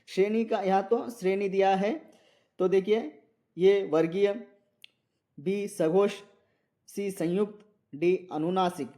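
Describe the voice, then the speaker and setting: A man's voice: high voice, steady tone, slow pace, long pauses, warm tone. A man teaching Hindi exam questions, reading out the options and repeating each answer, drawing out letter sounds. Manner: reads options aloud, repeats answers, asks viewers to comment.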